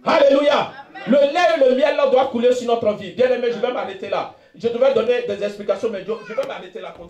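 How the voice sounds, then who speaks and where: Male pastor, high-pitched, animated testimony sermon, echoey hall sound. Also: fast, highs cut off. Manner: animated storytelling, frequent "frères et sœurs" addresses, laughs and shouts. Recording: echoey room.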